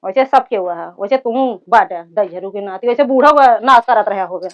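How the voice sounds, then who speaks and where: A woman's voice: mid-range voice, normal speed, close to an everyday voice. A woman with an Awadhi accent playing a bitter, complaining young daughter-in-law in a village comedy sketch. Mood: bitter, scolding. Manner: complaining, taunting. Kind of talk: rural comedy sketch acting. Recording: clear background noise, clicks.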